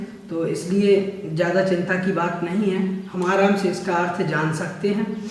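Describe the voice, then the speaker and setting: A man with a fairly high voice teaches at an unhurried pace, patiently repeating each word until the pronunciation is right. He sits back from the microphone, and the room around him rings with a long, hollow reverb. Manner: slow, patient explaining, repeats words for pronunciation. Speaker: religious teacher. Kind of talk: online scripture class. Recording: echoey room, voice from far off.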